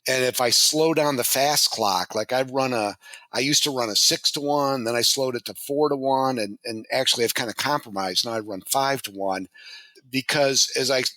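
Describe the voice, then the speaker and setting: A man's voice: mid-range voice, moderate pace, bright, forceful tone, dry recording. A man talking as a podcast guest about running his model railroad, thoughtful and searching for words. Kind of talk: casual podcast conversation.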